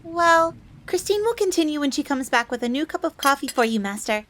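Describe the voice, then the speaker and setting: A woman performs a dramatic audio roleplay as a bubbly, devoted fox maid with a fierce streak, who eagerly defers and speaks of herself in the third person. Her high, slightly bright voice is sing-song and a little fast, sounding cheerful and doting.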